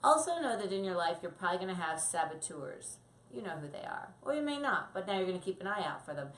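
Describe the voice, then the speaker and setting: Lively woman dog trainer in echoey room. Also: mid-range voice. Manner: lively, acts out puppy and owner voices. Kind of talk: casual training tips to camera.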